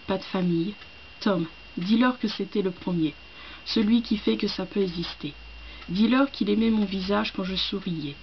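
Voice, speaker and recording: A grieving young man mourns his lover in slow, earnest words, as a woman reads his lines aloud. The voice sits at a middling pitch. The recording sounds slightly dull, with faint noise behind it. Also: lightly acted. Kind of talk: reading a play passage aloud.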